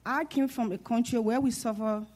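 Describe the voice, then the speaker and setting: A Liberian-accented woman addressing a town hall from the floor. Her voice sits somewhat high, and she builds her points with earnest, formal, almost sermon-like conviction. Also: steady tone, moderate pace, a little mellow. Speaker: audience member.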